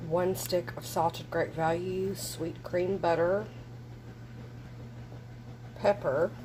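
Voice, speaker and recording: A lower-pitched woman, chatting casually to her viewers while she walks through the woods by a lake. She sounds a little out of breath. Clear outdoor noise sits behind her handheld recording. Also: fairly even intonation, takes it slowly. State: slightly out of breath. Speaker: vlogger. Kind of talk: casual vlog narration.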